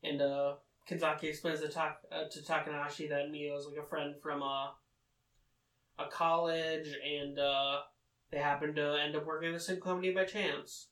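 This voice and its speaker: A man casually summarizing a manga story, talking haltingly with many fillers. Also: a little high, little pitch movement, fairly bright tone. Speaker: manga recap commentator. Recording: roomy, distant mic.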